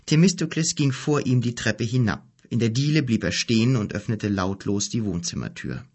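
A man narrating an audiobook in an even storytelling manner. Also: medium pitch, normal speed, breathy edge. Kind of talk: scripted narration.

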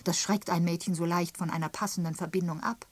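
A woman reading the part of a gentle, tactful elderly spinster in an audiobook, in a mild and measured manner. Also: fairly low pitch, fairly even intonation, close to an everyday voice. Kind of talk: audiobook character voice.

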